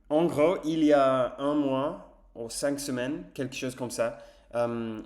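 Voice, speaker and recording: A man's voice: mid-range voice, a little mellow. A man with an English accent, a native English speaker practising French as a vlogger, talking casually and hesitantly with many fillers and self-corrections as he searches for words. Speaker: language-learning vlogger.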